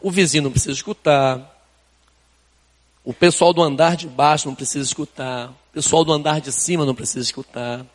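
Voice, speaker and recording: Older man, Brazilian accent, pastor, high-pitched voice, chatty sermon, church hall reverb. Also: fairly even intonation, fairly quick. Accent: Brazilian Portuguese. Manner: conversational preaching, rhetorical questions, colloquial asides. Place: church sanctuary.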